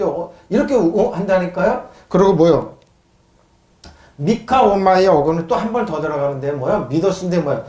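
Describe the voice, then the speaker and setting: A man's voice: high voice, darkish tone, echoey room. A male pastor preaching a sermon who keeps asking his congregation questions and answering them himself. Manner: mocks scoffers in a raised voice. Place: church sanctuary.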